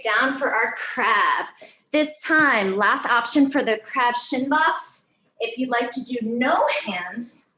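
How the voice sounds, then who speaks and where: A woman's voice: fairly high pitch, bright, forceful tone. Breathless woman cueing a workout. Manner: counts down and calls out moves. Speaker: fitness instructor. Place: gym studio. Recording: echoey room from far off.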